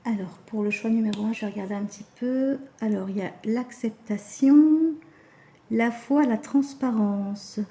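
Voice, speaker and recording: A woman's voice: a little high, moderate pace, mellow, roomy sound. A woman giving a casual card-reading guidance, chatty and hesitant with many fillers and self-corrections. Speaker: animal communication card reader.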